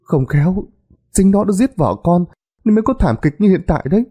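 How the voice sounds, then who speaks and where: A man voicing a stern, suspicious older village woman in a spoken horror story, with a shrill, accusing way of talking. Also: expressive, brisk, warm tone, slightly rough.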